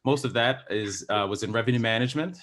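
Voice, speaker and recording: A man introducing himself on a conference panel, energetic, with frequent ums and restarts. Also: mid-range voice, quick pace. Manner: energetic, many fillers.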